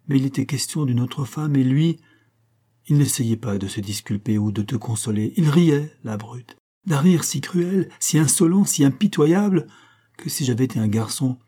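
A man's voice: medium pitch, warm tone, breathy edge, close to an everyday voice. A man voicing a prim, unmarried schoolteacher aunt who confides an old secret with earnest feeling, in a read-aloud story.

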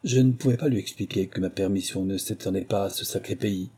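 A man narrating a novel in a steady, measured storytelling voice. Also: deep voice, slightly rough. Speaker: audiobook narrator.

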